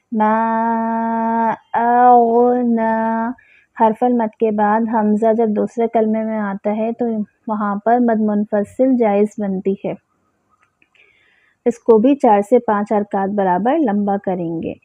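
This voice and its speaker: A woman teaching Quran recitation rules, who recites words slowly and drawn out and then explains them plainly. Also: mid-range voice, no room sound. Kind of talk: tajweed lesson. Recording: tinny phone-like sound, dry.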